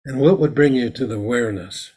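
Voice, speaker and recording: A man's voice: mid-range voice, quick pace, dark tone, slightly rough. A man, a Zen teacher, giving a dharma talk in a meditation hall, explaining ritual plainly and then acting out its lines.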